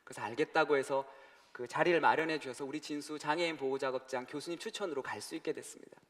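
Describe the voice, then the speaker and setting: A man preaching in a church sanctuary, telling a story and acting out the voices in it. His voice sits a little high, and a long hall reverb trails behind every phrase. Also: fast talker, a bit bright. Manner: storytelling, acts out calls and his brother's voice. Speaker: pastor. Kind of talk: sermon.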